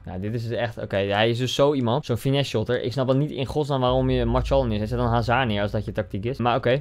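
A young man giving excitable live commentary over his own football video game match, cheering loudly at goals and chatting to viewers. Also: mid-range voice. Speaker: gaming YouTuber.

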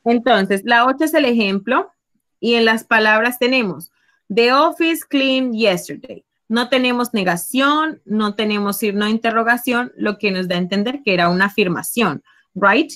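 A woman's voice: mid-range voice, fairly bright tone. A woman teaching an online class. She explains each step patiently and keeps prompting her students to answer. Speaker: English teacher.

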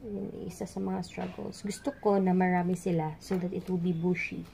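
Her voice is fairly low, creaky and warm, delivered flatly and a little fast. This Filipino plant vlogger, who has a Visayan accent, chats casually in a blend of English, Tagalog and Bisaya while working with her hands to demonstrate plant care at an indoor table with potted plants.

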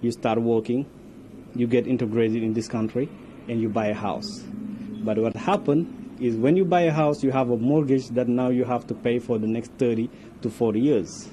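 Man from Senegal, network engineer, warm mellow tone, steady explaining, faint hiss. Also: medium pitch, normal speed. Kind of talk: interview answers. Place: office with world map on wall. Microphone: handheld reporter mic.

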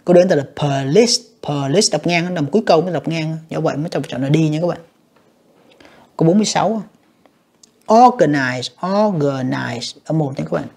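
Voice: mid-range voice, very fast, creaky, mellow, slightly rough. An English teacher, reviewing exam questions by reading each option aloud, translating it and judging it for the students. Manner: reads each English option, then translates and judges it, often addressing "các bạn".

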